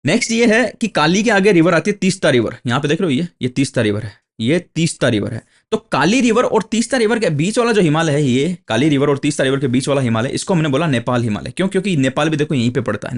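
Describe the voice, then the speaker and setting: A male teacher giving an exam coaching lecture, explaining step by step, repeating key terms and answering his own questions. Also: a little high. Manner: slow, deliberate when reading English textbook lines aloud.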